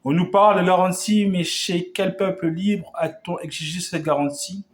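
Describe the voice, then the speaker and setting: A man's voice: high voice, steady tone, moderate pace. A man declaiming a historic revolutionary speech in an oratorical manner, often stumbling and restarting his words.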